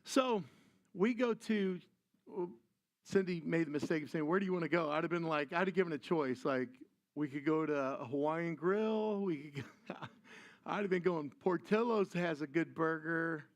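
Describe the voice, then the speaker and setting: High-voiced animated older pastor. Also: male voice, normal speed. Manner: animated storytelling with voiced asides. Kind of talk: sermon.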